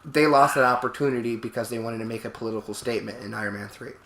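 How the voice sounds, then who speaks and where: Firing off his views rapidly, the male let's play co-host talks over the game in a casual, opinionated way, emphatic and prone to repeating and rephrasing. His medium-pitched voice comes across bright and forceful. The recording has a roomy echo and faint background noise.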